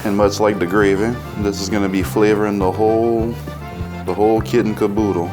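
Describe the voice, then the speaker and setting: A man's voice: fairly low pitch, little pitch movement, fairly quick, over music. A man with a Cajun accent hosting a casual cooking demonstration as the chef, talking in a folksy, colloquial way. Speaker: cooking show host and chef.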